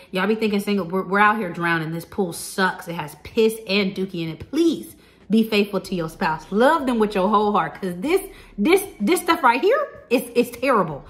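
Woman, 30s, casual storytime vlogger, animated and direct with viewers, mid-pitched, echoey room. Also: moderate pace. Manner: animated, chatty, talks straight to viewers. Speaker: vlogger telling a personal story.

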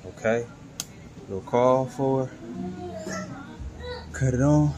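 A handyman vlogger and HVAC technician talks viewers through a home repair in colloquial slang and informal catchphrases, standing indoors at home beside air-conditioning equipment. His voice is mid-range and slow. He holds a phone behind the camera, so the audio is noisy and full of clicks.

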